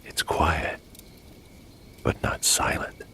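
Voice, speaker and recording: In a hushed, breathy, gravelly low voice, a man narrates a guided sleep meditation. His whispery delivery is soothing and unhurried, like a bedtime storyteller.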